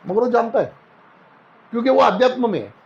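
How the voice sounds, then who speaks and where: A man's voice: extremely high pitch, sing-song, fairly quick, gravelly, highs cut off. A man as a spiritual guest, telling homely anecdotes in a casual interview and acting out the voices in them. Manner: anecdotal, folksy, acts out quoted voices.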